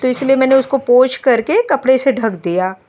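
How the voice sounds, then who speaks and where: A woman in her thirties, a homemaker, narrates her home vlog as a casual voice-over, chatting warmly with viewers as if they were friends. Her voice sits high with a dark tone, at a moderate pace.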